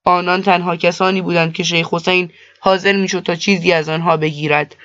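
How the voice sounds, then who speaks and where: A man narrating a story in a steady, measured reading. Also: high-pitched. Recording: dull lo-fi dry recording.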